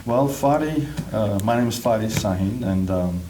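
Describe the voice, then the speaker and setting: A man's voice: lowish voice, expressive, moderate pace, noisy background. A man from Turkey who speaks natively, answering interview questions as a school marketing coordinator, hesitant and full of ums. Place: school building.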